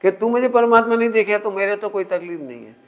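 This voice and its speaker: In a muffled, lo-fi recording, a religious teacher with a high voice talks quickly. He presents a spiritual discourse as a conversation, frequently asking his listeners questions.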